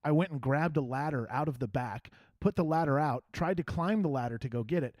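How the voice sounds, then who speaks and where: A man's voice: a little high, a little fast, darkish tone, no room sound. A man hosting a podcast in casual chat, a self-mocking, jokey storyteller. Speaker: podcast host.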